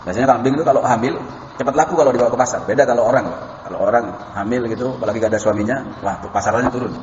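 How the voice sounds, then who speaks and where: A man's voice: medium pitch, racing, a little mellow. A man giving an Islamic lecture, reciting Arabic verses, addressing listeners as sir and madam, and telling anecdotes. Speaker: Islamic preacher lecturing a class. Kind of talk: religious lecture on halal food. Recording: echoey hall, muffled, faint background noise.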